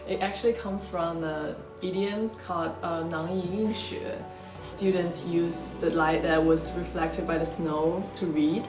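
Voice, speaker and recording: A young woman from Hangzhou, China with a lowish voice, explaining things earnestly. The room has a clear echo, and music plays behind her. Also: fairly even intonation, unhurried. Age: young adult. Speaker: interviewee. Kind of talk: casual interview answers.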